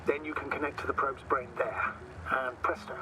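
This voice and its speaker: An actor playing a calm, measured male space mission commander in a game, over heavy background noise. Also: mid-range voice, lightly acted.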